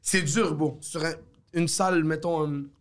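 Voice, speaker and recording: A Moroccan man whose native language is Arabic speaks with a Moroccan French accent in a voice on the high side, fairly even in intonation and a little slow. He's a comedian guest in a casual chat, laid-back and upbeat, sprinkling his talk with "bro" and "tu comprends".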